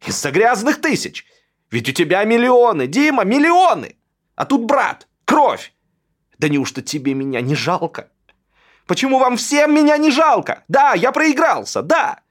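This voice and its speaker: A man voicing a pampered, self-pitying young man who whines and breaks into falsetto. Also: big pitch swings, a little slow, heavily acted. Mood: aggrieved.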